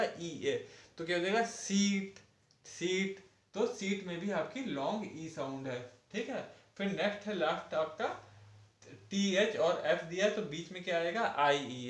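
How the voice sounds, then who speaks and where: A man's voice: high-pitched, reverberant. A man explaining an English lesson to children, patiently spelling out words letter by letter and asking questions. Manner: repeats "ठीक है" and asks questions. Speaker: teacher.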